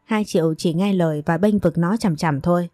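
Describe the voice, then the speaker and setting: A woman's voice: fairly low pitch, normal speed, mellow, no echo, studio quality, close to an everyday voice. A woman voicing a bitter, domineering older mother who scolds and wails in self-pity. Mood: spiteful.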